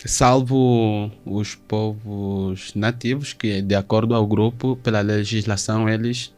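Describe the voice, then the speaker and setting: A man from southern Brazil hosting an interview, asking long questions in formal, halting phrasing with many restarts. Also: on the low side, steady tone, darkish tone, faint music behind. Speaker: host.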